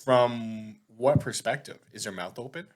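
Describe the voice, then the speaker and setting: A man's voice: medium pitch, slight background noise. A man co-hosting a casual podcast chat, rambling with lots of fillers and firing off questions. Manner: rambling, filler-heavy, giggly; rapid-fire questioning. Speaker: podcast co-host.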